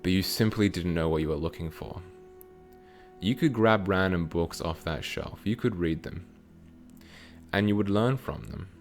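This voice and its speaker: Guy with a really low voice leading a guided meditation, slow short phrases, soft music behind. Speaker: spiritual teacher channeling a guide. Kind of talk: channeled teaching with guided meditation.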